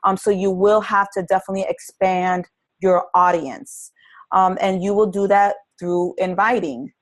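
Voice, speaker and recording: A woman's mid-range voice stays fairly even and unhurried as she leads new fitness business coaches in a live conference-call training. Earnest and encouraging, she often says "um" and restarts her sentences.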